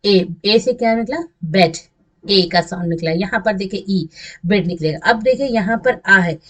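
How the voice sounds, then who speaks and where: Speaking at normal speed in a medium-pitched voice, a woman teaches an English lesson using slides, patiently repeating and drawing out the example words.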